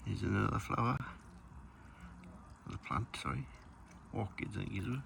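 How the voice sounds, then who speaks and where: A man's voice: lowish voice, moderate pace, creaky, a bit bright, a little hiss or hum. A man giving a casual, matter-of-fact hands-on demonstration in short, plain-spoken phrases. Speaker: hobbyist demonstrating a homemade gadget. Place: shed and garden, partly outdoors.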